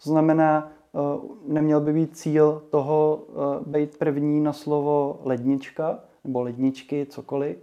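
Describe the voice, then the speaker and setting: A man's voice: on the high side, flat delivery, hardly any pauses, dull audio. A man speaking as a guest in a casual interview, explaining things with frequent hesitations and restarts. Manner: hesitant, many fillers and restarts. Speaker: guest, marketing association chairman.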